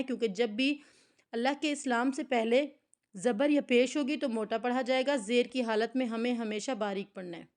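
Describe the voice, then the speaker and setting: In an online lesson, a woman teaches Quran recitation, patiently explaining each rule and then reciting phrases slowly for her students to repeat. Her voice is a little high.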